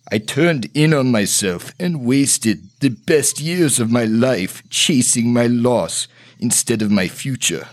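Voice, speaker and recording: A gentle old holy man, played by a man speaks in slow, solemn counsel to a grieving friend. His voice sits low and unhurried. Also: breathy edge, exaggerated voice.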